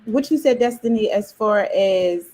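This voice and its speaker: A young woman hosting a casual panel discussion, relaxed and chatty, asking questions. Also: mid-range voice, a little slow, rough recording. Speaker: discussion host.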